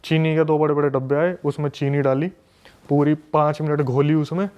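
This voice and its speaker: Guy telling a ghost story, excited and repeats himself, kinda high voice, muffled lo-fi audio. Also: moderate pace. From a city. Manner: animated, repetitive, emphatic. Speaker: podcast guest. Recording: dull lo-fi recording.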